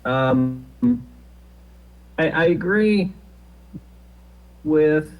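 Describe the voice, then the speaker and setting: A man with a fairly high voice speaks over a video call whose audio keeps breaking up. He is halting and apologetic, and the sound comes from remote computer audio rather than a mic in the room. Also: expressive, faint music behind, low-quality recording. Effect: voice coming through a glitchy video call, cutting out. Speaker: planning commission member. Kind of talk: public meeting remarks.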